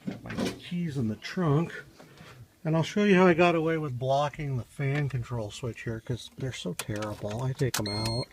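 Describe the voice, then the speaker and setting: Walking around and inside a car in his home garage, a man with a mid-range voice casually explains a DIY job without a script, rambling and pausing in a matter-of-fact way. The handheld phone he films with keeps moving, leaving the sound distant and noisy.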